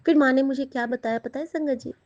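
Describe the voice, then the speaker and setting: A woman's voice: high voice, steady tone, fast talker. A woman giving a devotional satsang talk, speaking personally and directly to her listeners, full of stories. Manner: warm, personal, addresses listeners as sangat ji. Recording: slightly dull lo-fi sound.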